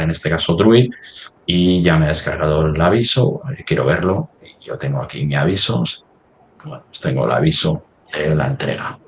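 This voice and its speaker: A man with a low voice presents a live software demonstration in a webinar. He thinks aloud haltingly as he works on screen.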